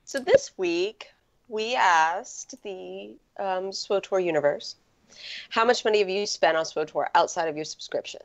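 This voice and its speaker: A woman hosting a casual gaming chat, animated, with gasps and quoted asides. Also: medium pitch, a little slow, muffled recording.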